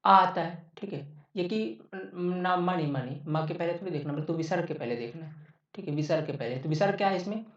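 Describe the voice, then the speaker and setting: A male teacher delivers an online exam-prep lecture, repeating every point and answering his own questions. His voice is on the high side and fairly quick. The sound is roomy, distant, dull and lo-fi.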